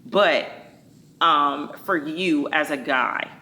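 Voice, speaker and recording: Low-voiced outspoken woman host. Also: drawn-out words, a little hiss or hum. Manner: lively, outspoken, playful. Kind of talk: casual talk show chat.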